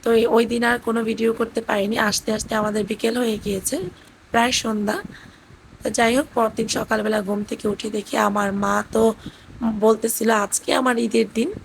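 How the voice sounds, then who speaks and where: Hoarse woman in her thirties, gravelly, flat voice-over for a family vlog. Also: fairly high pitch, normal speed, a little hiss or hum, rough recording. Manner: gentle storytelling with fillers. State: hoarse, voice cracking. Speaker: vlogger narrating family trip. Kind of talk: voice-over narration. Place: indoors at her parents' house.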